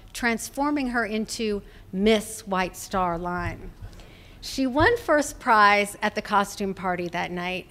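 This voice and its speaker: A woman delivers a prepared speech at an awards event, spinning a personal family story in a measured, earnest way. She slips in light, self-deprecating jokes while keeping her tone at an everyday middle pitch. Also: fairly bright tone. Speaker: keynote speaker at an awards event.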